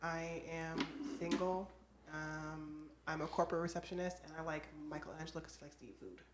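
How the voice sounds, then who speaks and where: A woman in her thirties, a podcast guest, with a lowish voice that carries a roomy echo. She talks casually, peppered with "like," while loud chatter from others fills the space around her. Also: fairly even intonation. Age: 30s. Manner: quick, filler-heavy talk. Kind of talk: casual chat. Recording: roomy, noisy group recording.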